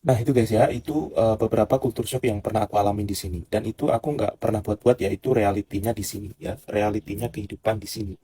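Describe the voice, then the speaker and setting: A man's voice: on the low side, fairly even intonation, fast, hardly any pauses, dark tone, slightly rough. An Indonesian man giving a casual vlog talk, rambling and calling his viewers "guys". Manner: rambling, full of fillers and restarts, addresses viewers as guys. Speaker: vlogger.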